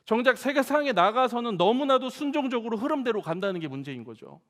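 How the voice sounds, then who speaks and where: A man preaching a sermon as pastor, telling humorous stories in a lively way and often addressing the congregation directly. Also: extremely high pitch, fast. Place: church sanctuary. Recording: long church hall reverb.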